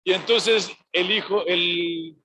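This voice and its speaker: A man's voice: high voice, steady tone, takes it slowly, sharp tone, a little hiss or hum, rough recording. A male pastor from Mexico preaching a sermon, often asking the congregation "yes or no?" and retelling scenes in quoted voices. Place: church sanctuary.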